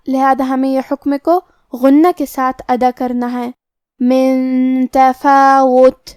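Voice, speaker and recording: High-voiced woman teaching tajweed. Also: a little mellow, no echo, clean studio sound. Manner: methodical, drawn-out chanted recitation of words. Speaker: Quran recitation teacher. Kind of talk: explaining tajweed rules with slow demonstrations.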